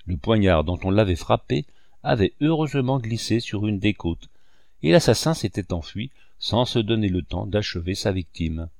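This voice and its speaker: Male audiobook narrator, expressive, dry close mic. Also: fairly low pitch, moderate pace, creaky, dry recording. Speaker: audiobook reader.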